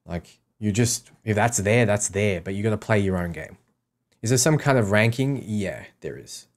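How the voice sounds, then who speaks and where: A lowish-voiced man speaking at a normal speed reads questions aloud during a casual game livestream. He answers them offhand in short, repeated sentences.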